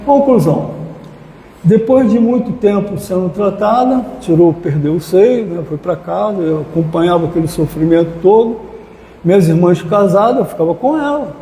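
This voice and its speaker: A man's voice: high voice, moderate pace, dark tone, a little hiss or hum. A man giving an emotional personal testimony in a spiritist lecture, speaking straight to his listeners. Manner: emotional storytelling, addresses audience directly. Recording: echoey hall with long reverb.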